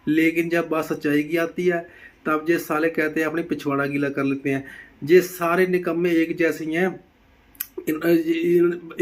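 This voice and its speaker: A man hosting a reaction video, ranting furiously and hurling abuse. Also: on the high side. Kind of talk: angry rant commentary.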